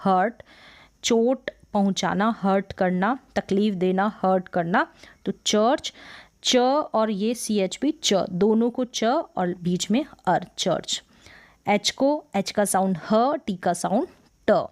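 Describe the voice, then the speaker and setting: A woman's voice: medium pitch, slow, a little mellow. A woman teaching English pronunciation, repeating each word and asking then answering her own questions. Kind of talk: explaining a word list in a lesson.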